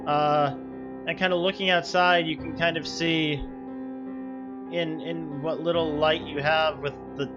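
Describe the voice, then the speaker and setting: Higher-pitched man running a game, lo-fi. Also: flat delivery, unhurried. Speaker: game master. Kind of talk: casual tabletop game narration and chat. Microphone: online voice call. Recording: dull lo-fi voice chat, music behind.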